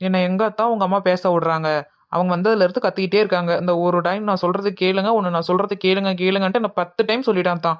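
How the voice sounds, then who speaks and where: A woman playing a quick-talking, pleading daughter-in-law. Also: lowish voice, fairly even intonation, natural voice. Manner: pleading, complaining. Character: put-upon young daughter-in-law. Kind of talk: comedy family skit.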